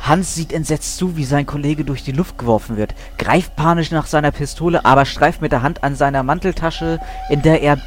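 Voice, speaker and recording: A man's voice: fairly high pitch, fairly quick, hardly any pauses, soft background music, natural voice. A man playing a solemn, pompous narrator of heroic tales in a scripted comedic audio drama. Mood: solemn, mock-epic. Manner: mock-epic, solemn.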